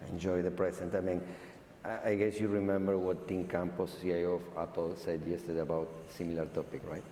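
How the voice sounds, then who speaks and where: A man's voice: sits low, flat delivery, brisk, mellow, slight background noise. A man hosting an onstage interview, talking in a playful, teasing way. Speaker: conference host and interviewer. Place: large hall at a live event. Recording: echoey hall with crowd.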